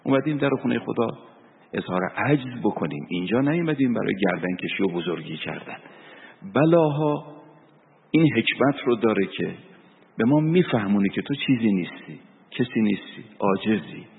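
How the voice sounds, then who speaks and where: A man's voice: fairly low pitch, animated, gravelly. A man giving a sermon as a cleric, telling stories and reciting verse and scripture. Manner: storytelling preacher, recites verse and Quran. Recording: tinny phone-like sound with long reverb.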